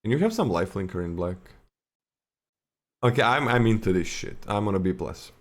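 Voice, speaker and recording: Man, casual co-host, lively pitch, halting speech full of restarts, talking over a call. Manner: halting, restarts mid-sentence, animated. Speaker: co-host of a card game podcast. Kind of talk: casual card review chat.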